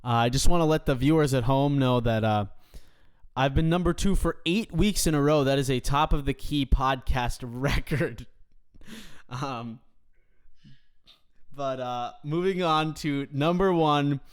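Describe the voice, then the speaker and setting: A man hosting a sports podcast, talking with mock-grand, deadpan bravado. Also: medium pitch, unhurried, smooth. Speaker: podcast host. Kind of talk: casual sports podcast banter.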